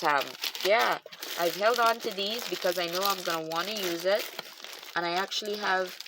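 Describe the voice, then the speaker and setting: Against a noisy background, a craft channel host with a Guyanese accent speaks in a fairly low voice. She chats casually while showing off her craft supplies, thinking aloud and trailing off into restarts.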